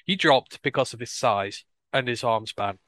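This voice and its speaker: A man's voice: mid-range voice, normal speed, a bit bright, dry recording. A man talking casually and enthusiastically on a sports podcast, stressing his points. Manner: enthusiastic, emphatic, repeats words. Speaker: co-host.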